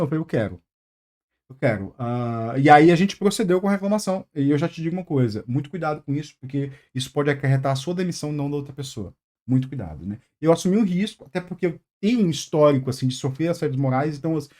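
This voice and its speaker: A Brazilian man hosting a casual advice chat, telling a work story in animated bursts, with many fillers and restarts. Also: fairly high pitch. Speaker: channel host.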